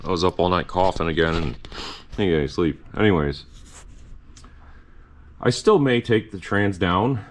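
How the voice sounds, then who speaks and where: A man hosting a casual garage vlog, tired and losing his voice from a cough, talking slowly with halting restarts and fillers. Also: deep voice. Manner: slow, halting, trailing off with many fillers. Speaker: home mechanic and channel host. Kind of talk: casual workshop vlog narration. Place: home garage.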